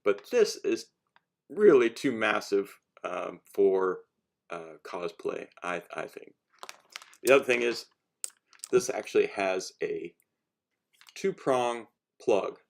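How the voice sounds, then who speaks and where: A hobbyist walks through his homemade gear in an informal how-to, speaking slowly with long pauses in a fairly low, gravelly, sing-song voice. His talk is rambling and hesitant, and he frequently cuts himself off to restart.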